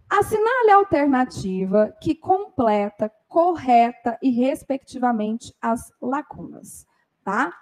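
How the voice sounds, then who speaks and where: A woman teaching a grammar lesson for exam preparation, explaining step by step and often checking in with a quick "tá?". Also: high-pitched, darkish tone, low-quality recording. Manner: explanatory, frequent "tá?" tag questions.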